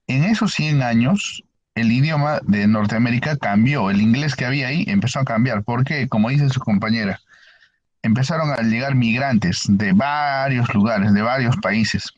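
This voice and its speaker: A man's voice: medium pitch, moderate pace. Brief: male teacher giving an online lecture, explaining patiently and quizzing the class, with muffled lo-fi audio. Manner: explanatory, asks the class frequent questions.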